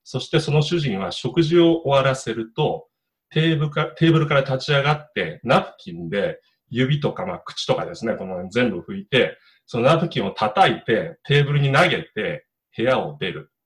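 A middle-aged man preaching a sermon in a relaxed, conversational way, with frequent fillers and self-corrections. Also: medium pitch, moderate pace. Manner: conversational, many fillers and restarts. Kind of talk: casual sermon.

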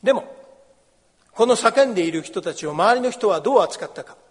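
A pastor with a high-sitting, lively voice preaches a sermon a little fast, explaining a scripture passage and acting out the cries of the beggar and the crowd. A long reverb tail trails his words.

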